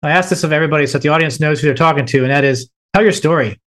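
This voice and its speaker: Higher-voiced male podcast host. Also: racing, fairly bright tone. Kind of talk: scripted intro then interview.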